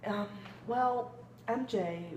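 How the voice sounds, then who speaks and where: A woman playing a gentle therapist in an amateur role-play, talking conversationally and hedging often as she explains. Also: a little high, extremely slow. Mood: calm, concerned. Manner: hesitant, hedging with frequent kinda and you know. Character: gentle female therapist leading a family session. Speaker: student clinician in a role play. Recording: echoey room with background noise.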